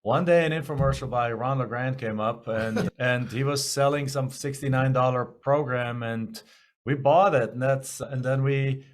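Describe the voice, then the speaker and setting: A man's voice: medium pitch, moderate pace. A middle-aged man with a German accent, a guest in an interview, telling his story in a candid, rambling way with many restarts. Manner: rambling, self-correcting, candid.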